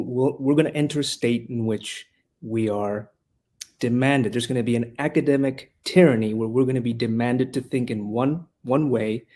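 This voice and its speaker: A Honduran man who leads a classical school and teaches rhetoric appears as a guest on a podcast interview. He speaks earnestly and passionately, often restarting his phrases, in a medium-pitched, dark-toned voice.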